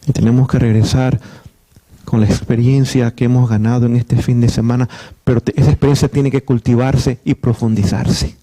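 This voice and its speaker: A man's voice: mid-range voice, flat delivery, normal speed, mellow. A middle-aged man preaching a sermon as pastor, earnest, often repeating and restarting words.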